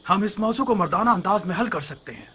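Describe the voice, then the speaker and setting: An actor playing an arrogant young nobleman in a dubbed historical drama, speaking in a smooth, taunting, self-assured way. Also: high voice, expressive, fast, pushed and bright, heavily acted. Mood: defiant. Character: scheming young noble suitor, mocking and arrogant.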